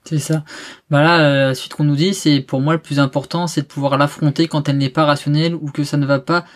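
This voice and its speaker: A man's voice: on the high side, flat delivery, a little fast. A man taking part in a casual conversation, adding short remarks and questions. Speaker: conversation partner. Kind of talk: casual chat.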